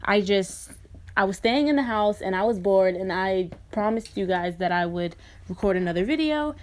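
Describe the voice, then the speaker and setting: A woman's voice: mid-range voice, expressive, normal speed, darkish tone. A woman talking informally and directly to viewers in a casual, chatty makeup tutorial voice-over. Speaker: beauty vlogger.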